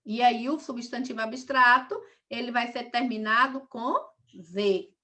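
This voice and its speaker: A woman teacher talks through a recorded lesson for young pupils. Her voice sits a little high and sounds bright and forceful. She goes over every example patiently, one step at a time. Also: unhurried. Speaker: primary school teacher.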